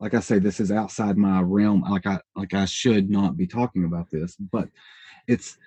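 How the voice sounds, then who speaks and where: Guy in his 30s rambling thru ideas, lowish mellow voice kinda husky. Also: steady tone, moderate pace, dry recording. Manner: rambling, thinks aloud, hedges and self-corrects. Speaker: podcast guest, independent researcher. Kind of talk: casual explanatory interview talk.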